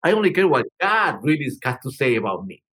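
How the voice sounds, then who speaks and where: This older musician from Peru speaks in a mid-range, fairly bright, slightly rough voice, moving quickly with big swings in pitch. His storytelling interview answers wander, full of restarts and "you know."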